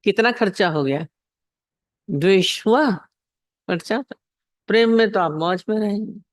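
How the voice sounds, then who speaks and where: A man's voice: sits high, unhurried, no room sound, studio quality. A man giving a devotional discourse on scripture as a spiritual teacher. He repeats his points and asks his listeners rhetorical questions.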